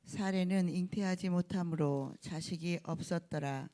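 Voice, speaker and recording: Congregant reading scripture aloud in turn, mellow smooth voice, steady delivery. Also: mid-range voice, measured pace.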